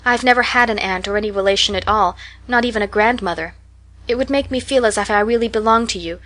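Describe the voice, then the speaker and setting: A woman's voice: mid-range voice, fast talker, fairly bright tone, lightly acted. A woman voicing an eager, talkative orphan girl who speaks in a breathless, imploring, dreamy way in an audiobook. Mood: wistful. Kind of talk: audiobook character voice.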